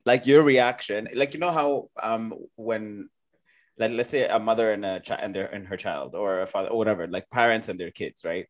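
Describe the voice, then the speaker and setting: A man's voice: on the low side, moderate pace. A man in casual conversation, reflecting thoughtfully and often restarting his sentences. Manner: reflective, speaks in restarts and asides. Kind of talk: casual chat.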